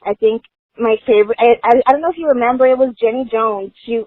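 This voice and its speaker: A woman from the Los Angeles area in the United States, appearing as a guest, tells her story in a chatty, casual conversation, often saying "you know." She talks fast in a fairly high-pitched voice, and the recording is dry with a narrow, phone-like sound.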